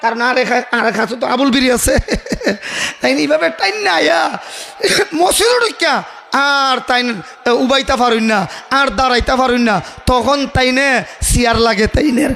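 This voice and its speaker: A man preaching a sermon, loud and emphatic, often calling on the crowd to answer him. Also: extremely high pitch, lively intonation, unhurried, gravelly.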